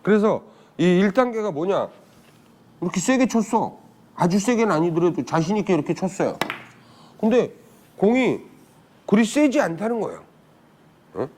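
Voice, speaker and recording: A man's voice: sits high, a little mellow. A man teaching billiards in a casual spoken lesson, chatting and often putting rhetorical questions to viewers. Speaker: billiards instructor.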